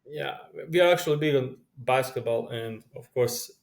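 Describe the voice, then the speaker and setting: A man's voice: medium pitch, normal speed, vocal fry. A young man from Croatia speaking English with a Croatian accent, an eager, rambling interview guest whose speech halts with frequent restarts. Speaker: guest, pro sports bettor. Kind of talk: casual interview chat.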